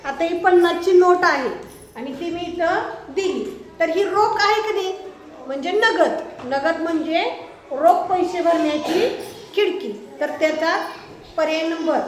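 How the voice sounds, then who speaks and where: A woman schoolteacher giving a classroom lesson, asking her pupils check questions again and again. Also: very high-pitched. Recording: roomy echoey classroom.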